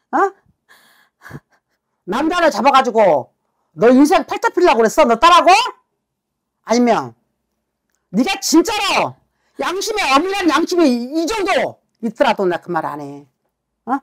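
A woman fortune teller tearing into a client with a high voice that swoops up and down. She swears freely, scolds without letting up, and keeps firing short demands for an answer. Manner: harsh, swearing, berating. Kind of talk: scolding a client during a consultation.

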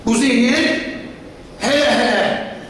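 A woman's voice: fairly high pitch, slow, a bit bright. A woman delivering an impassioned, combative convention speech as an association leader, full of rhetorical questions and emphatic repetition. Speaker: professional association leader addressing an assembly. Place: large assembly hall, speaking from a podium. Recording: echoey hall, distant mic, noisy.

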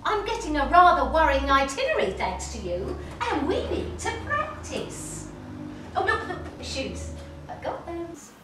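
A woman's voice: high-pitched, big pitch swings, a little slow, over music. A woman playing a chatty, genteel older female medium, fussy, gossipy and amused at herself. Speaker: spirit medium. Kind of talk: stage monologue. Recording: roomy, distant and noisy.

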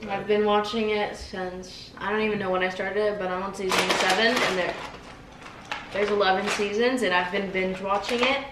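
A woman's voice: mid-range voice, steady tone, moderate pace, recorded from a distance, very noisy. A teenage girl chatting casually with her family, laughing often and teasing her brother. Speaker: daughter answering questions. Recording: echoey room, voice a bit off-mic.

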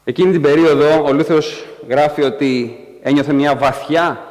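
A man preaching a sermon in a church, animated and acting out quotes in a raised voice. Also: fairly high pitch, long reverb tail. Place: church hall.

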